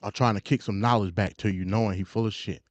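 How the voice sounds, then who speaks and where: Low and even in tone, he speaks at a quick clip with no echo. The American host of this live stream delivers casual, opinionated political commentary, emphatic and slang-heavy, with repetition and stuttering. Expect dull, lo-fi stream audio.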